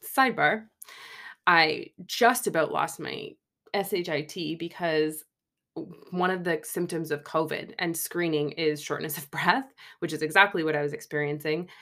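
Chatty, self-mocking woman with a lowish voice. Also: fairly bright tone. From Canada. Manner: chatty, self-mocking, laughs mid-sentence. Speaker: podcast host. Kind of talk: casual storytelling monologue.

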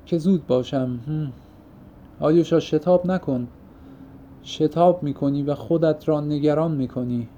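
A man's voice: a little high, warm tone, slight background noise, natural voice. A man voicing a fervent young man confessing. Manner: fervent, poetic outbursts. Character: impassioned young man pouring out his heart. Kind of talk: audiobook reading. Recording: muffled lo-fi recording.

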